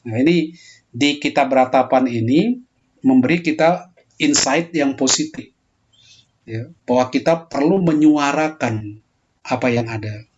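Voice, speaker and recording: A man lecturing calmly in a pastoral theology talk, answering a question, and lifting his voice when he acts out quoted prayers. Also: medium pitch, a little slow, long pauses, muffled recording. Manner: explains calmly, voicing heated quoted prayers more loudly.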